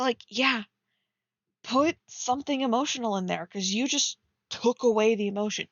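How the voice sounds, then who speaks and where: Her voice sits a little high, and the audio has no echo but loses its highs. She's streaming herself reading fan fiction out loud, mixing in casual commentary that is teasing, blunt and sarcastic.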